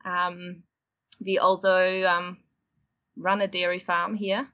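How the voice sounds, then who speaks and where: A woman from Austria, a horse breeder interviewed as a guest, explaining things in a steady, unhurried way. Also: lowish voice, muffled recording. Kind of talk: casual interview.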